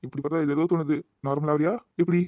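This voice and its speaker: A man's voice: on the high side, flat delivery, racing, warm tone, dull audio, lightly acted. A man voicing a playful young man who teases and reassures his worried sweetheart in a cartoon. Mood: teasing. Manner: playful, coaxing, teasing. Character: young man teasing his anxious fiancée. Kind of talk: Tamil cartoon dubbing.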